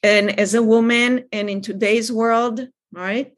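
An Israeli woman in her fifties, a child development expert, calmly answers interview questions. Her voice is on the high side and her pace is measured.

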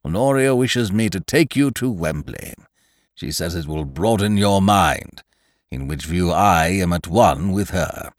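A stern older gentleman, as a man plays him in a storybook reading, with a low, heavy voice. He speaks slowly and formally, weighing each word. The sound is dry and close. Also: animated, dry recording. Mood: disapproving. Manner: slow, ponderous, formal. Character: stern pompous older male nerve doctor.

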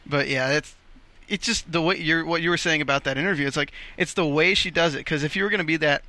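Bright, slightly high-voiced man co-hosting. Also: quick pace. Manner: conversational, filler-heavy, joking. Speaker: aftershow co-host. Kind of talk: casual TV recap chat.

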